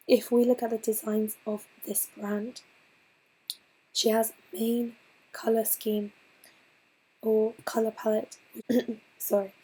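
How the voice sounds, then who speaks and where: A hoarse woman, clearly ill, presents her slides in a breathy, half-whispered voice. She talks slowly and haltingly, restarting phrases as she goes. Her tone is mellow and dark, and her pitch stays flat. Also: rough recording. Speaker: student presenter.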